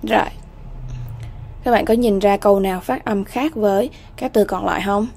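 A woman teaching an English exam-prep lesson, slowly repeating English words and often checking in with students. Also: mid-range voice, creaky, darkish tone, slight background noise.

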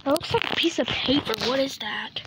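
Filmed on a handheld phone with noisy outdoor sound, this casual walk-around vlog features a young woman touring a farm yard. She talks in a high-pitched, brisk way, chatty but often slipping into a whisper.

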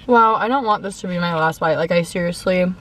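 A young woman chats through a casual storytime while eating, talking between bites and using "like" heavily, recorded in a car parked in a lot. She is a mukbang vlogger with a lowish, slightly bright voice, a little fast, over a faint hiss or hum.

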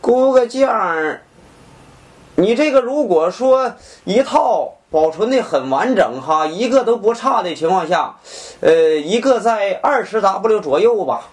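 A young man delivers a comic antique appraisal. He stays deadpan and mock-authoritative, pausing between short phrases as if giving an expert verdict. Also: high voice. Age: young adult. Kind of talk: mock appraisal comedy skit.

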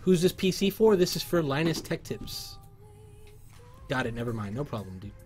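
A man hosting a casual livestream, reading viewer comments and chatting loosely, with sudden loud shouts of excitement. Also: fairly high pitch, normal speed, faint music behind. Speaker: livestream host. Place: PC workshop.

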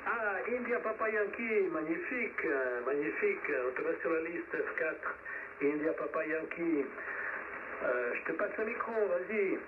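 A man acting as net controller for an amateur radio round table hosts the ham net over shortwave, using short, encouraging phrases broken by pauses. His voice is on the high side with lively intonation, sounding far from the mic. Reception is narrow and noisy, thick with radio static.

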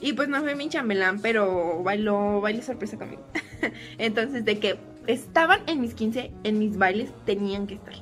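A young woman with a Mexican Spanish accent telling a storytime vlog, animated and laughing often as she acts out the quotes. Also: mid-range voice, moderate pace, soft background music. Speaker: vlogger.

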